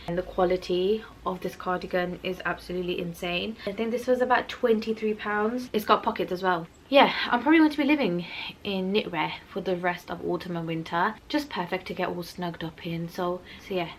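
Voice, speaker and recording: Bubbly British female haul vlogger, gushing and chatty, slightly low voice, clearly noisy recording with clicks. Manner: bubbly, gushing, emphatic excitement. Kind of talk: casual chat to viewers.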